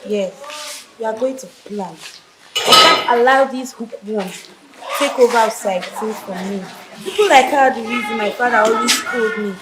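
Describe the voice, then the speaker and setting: Woman acting jealous schoolgirl, sassy, fairly high voice, echo, loud crowd. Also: measured pace, lightly acted. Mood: scheming. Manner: bold, sassy. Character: jealous, scheming young schoolgirl. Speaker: student. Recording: echoey, noisy crowd behind.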